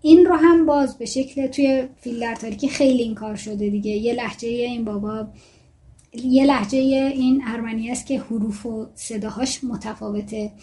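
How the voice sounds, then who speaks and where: A woman's voice: a little high, fairly even intonation, mellow. A woman speaking Persian with Gilaki as her mother tongue, giving a casual lesson on a book about writing and thinking aloud with fillers and self-corrections.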